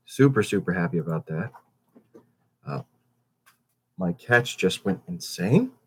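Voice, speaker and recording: A man's voice: low-pitched, a little slow, breathy edge. A man hosting a casual morning update for his channel, sounding stuffy and under the weather, rambling with many fillers and restarts. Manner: animated, swoops up on greetings. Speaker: YouTube channel host.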